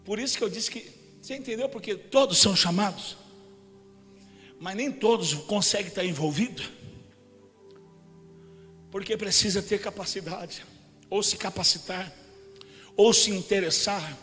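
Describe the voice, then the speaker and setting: A man with a Brazilian Portuguese accent preaching a sermon at a church service, telling stories in an animated way and rising to shouts. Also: high voice, normal speed, long pauses. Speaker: pastor. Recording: reverberant church hall with faint music.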